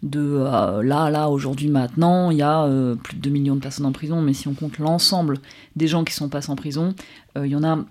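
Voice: mid-range voice, steady tone, brisk, darkish tone. A radio co-host in the studio who asks questions and explains. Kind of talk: radio talk segment.

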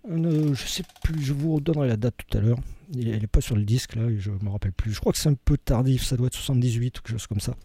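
A man's voice: mid-range voice, fast, hardly any pauses, warm tone, husky, dry recording. A man hosting a music radio show, chatting casually and rambling with many fillers between tracks.

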